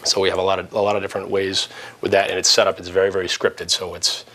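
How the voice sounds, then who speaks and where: With clearly noisy room ambience behind him, a police dispatch supervisor giving an interview and tour explains things informally, step by step. His low-pitched voice sounds pushed and bright, level in tone, and he talks fast.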